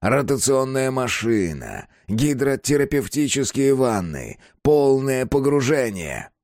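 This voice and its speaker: A raving old warden sermonizing about toil and cures, his voice pitched well above a normal man's and swinging wildly, as a man reads him. He is sanctimonious and shrill, an audiobook villain. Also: very animated, slow, a little mellow, no room sound, clean studio sound. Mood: gloating. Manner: preaching, sanctimonious, rising to shrieks. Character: fanatical old male prison warden, shrieking zealot. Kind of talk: audiobook reading.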